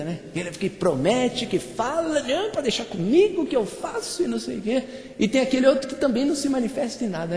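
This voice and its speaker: A man delivers a sermon in a high, lively voice that swoops up and down. He teases and jokes with the congregation between readings. His voice rings through a roomy church hall with long reverb. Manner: animated, playful asides to the congregation. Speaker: pastor.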